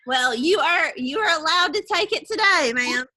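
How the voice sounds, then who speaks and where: High, bright woman aerobics instructor. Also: animated, moderate pace. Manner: upbeat, encouraging. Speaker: group fitness instructor. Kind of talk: aerobics class instruction, counting and cueing moves.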